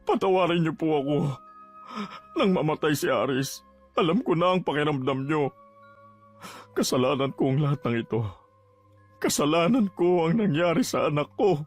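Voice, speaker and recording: A man's voice: fairly high pitch, very animated, fairly bright tone, faint music behind. A man playing a proud father and boss who pleads and breaks down in a dramatized horror story. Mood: pleading. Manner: pleading, distraught, quick to break down. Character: proud middle-aged father and boss, now broken.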